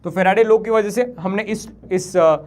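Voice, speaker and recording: Male physics tutor, young adult, fairly high voice, slow dictation of formulas, calls students kids. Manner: talks to students as family, drops into soft apologetic tones; mixes Hindi with English formula terms, reads equations slowly. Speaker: physics teacher. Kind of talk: live online class.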